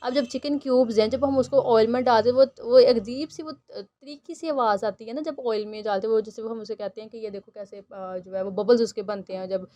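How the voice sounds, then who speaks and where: A woman teaching a textbook lesson. She reads each English line slowly, then explains it at length with many fillers. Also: fairly high pitch, steady tone, dark tone. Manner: frequent fillers and restarts while explaining.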